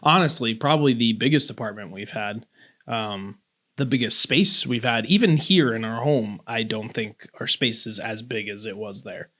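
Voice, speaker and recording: A man's voice: medium pitch, moderate pace, fairly bright tone. An American man co-hosting a podcast, chatting casually and with a joking manner. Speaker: podcast co-host. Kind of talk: casual chat.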